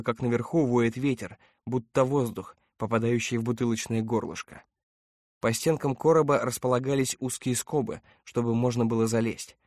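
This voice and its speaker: A man's voice: medium pitch, darkish tone, dry recording. Man narrating an audiobook, dry close sound.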